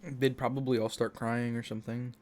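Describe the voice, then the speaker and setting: A man's voice: medium pitch, little pitch movement, fairly quick, a little mellow. A young man co-hosting a podcast in casual chat, blunt and dry, needling the other host.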